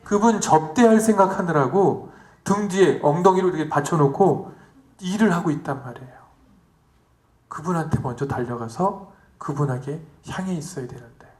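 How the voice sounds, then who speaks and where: Male priest, higher-pitched voice, playful retreat preaching with many questions to the congregation, roomy echo. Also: normal speed. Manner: lively, asks the audience questions, acts out the story in quoted voices. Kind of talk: retreat sermon.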